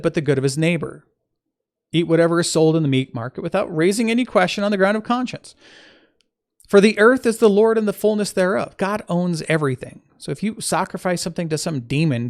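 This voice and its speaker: A man reading scripture aloud. He stops to correct his own slips and adds informal asides between the verses. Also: a little high. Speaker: Bible reader.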